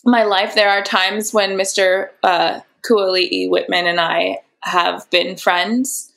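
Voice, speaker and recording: A woman's voice: medium pitch, little pitch movement, takes it slowly, creaky, fairly bright tone. A woman playing a sassy suspect in an improvised comedy interrogation, rambling through hesitant explanations. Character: evasive female suspect, sassy.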